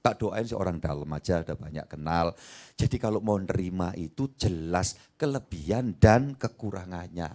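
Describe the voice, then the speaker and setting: A man with an East Javanese Indonesian accent, preaching a lively sermon and acting out dialogue in different voices. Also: deep voice, normal speed. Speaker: pastor. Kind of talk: lively sermon with acted anecdotes.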